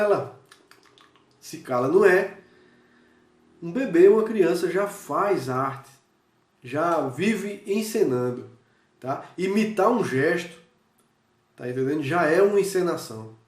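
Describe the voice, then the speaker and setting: A male teacher giving a recorded review lesson, speaking straight to his students and checking in often with quick questions. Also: fairly high pitch. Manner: talks straight to students, checks in with frequent "certo?" and "né?"; demonstrates with gestures and changes of voice. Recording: echoey room, voice from a distance.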